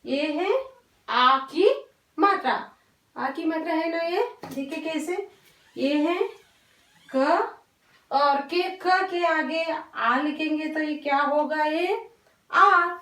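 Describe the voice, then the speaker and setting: High-voiced patient woman teacher, echoey. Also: pushed and bright. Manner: slow, patient, repetitive, mixes English words into Hindi. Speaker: primary school teacher. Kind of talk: recorded Hindi class for young children. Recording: roomy echo, voice from a distance.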